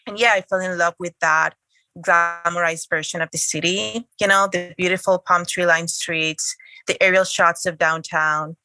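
A woman's voice: fairly low pitch, steady tone, moderate pace, sharp tone, dry recording. A woman, talking chattily as a podcast guest. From Spain. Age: late 20s. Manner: chatty, eager storytelling. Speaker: guest, blogger. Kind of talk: casual interview talk.

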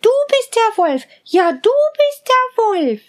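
A woman voicing a chorus of seven little goat kids in a storybook reading, with high squeaky bleating voices. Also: big pitch swings, slow pace, exaggerated voice. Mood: defiant.

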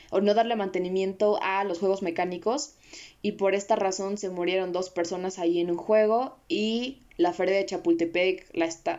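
A woman's voice: mid-range voice, warm tone, highs cut off. A woman with a Mexican accent, co-hosting a casual discussion and rambling with fillers and restarts. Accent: Mexican Spanish. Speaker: podcast co-host.

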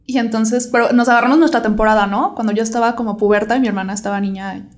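Teasing Mexican woman, fairly high voice. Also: steady tone, fast. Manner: teasing, storytelling, laughing. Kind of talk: casual chat.

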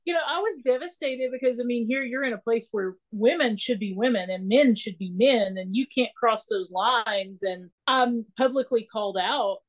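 A woman guest in a casual interview, telling her story in an animated way and acting out what people said. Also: medium pitch. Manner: animated storyteller who acts out quoted dialogue. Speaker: podcast guest.

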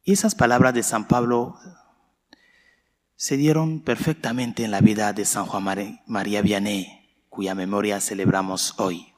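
A priest with a fairly low voice reads the gospel and preaches at a very slow, solemn pace. His words ring out in a cathedral echo, with a long reverb trailing after each phrase. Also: fairly even intonation. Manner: slow, measured, solemn delivery. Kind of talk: reading the gospel and preaching a homily at Mass. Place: large church.

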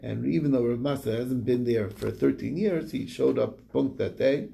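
A man's voice: mid-range voice, normal speed, creaky, dark tone, slight background noise. A man casually retelling a Talmud story in quoted back-and-forth dialogue, with fillers and restarts. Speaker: Talmud study reviewer.

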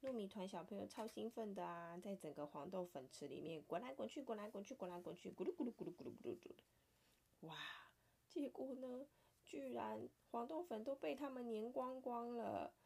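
A woman with a Taiwanese Mandarin accent reading a picture book aloud to her child, playful and animated, sometimes dropping to a soft whisper. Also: fairly high pitch, normal speed, vocal fry, slightly rough.

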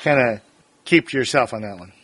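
A man hosting a casual podcast, teasing his guests and asking quick questions. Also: mid-range voice, animated, fairly bright tone, slight background noise.

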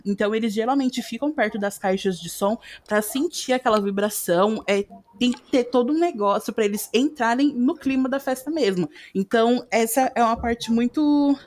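Animated Brazilian woman, higher voice. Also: moderate pace. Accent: Brazilian Portuguese. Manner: animated, self-correcting, acts out quotes. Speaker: podcast host. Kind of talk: casual explanatory chat.

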